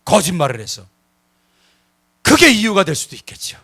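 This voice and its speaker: A male pastor preaching a sermon, telling the story with animated acted-out quotes and sudden shifts between loud and hushed speech. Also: high voice, moderate pace, breathy edge.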